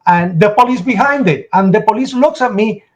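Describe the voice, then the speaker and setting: A man giving emotional first-person testimony in an interview, telling his story urgently and acting out shouts and the words people said. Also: sits high, lively intonation, fairly quick, low-quality recording. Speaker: interview guest.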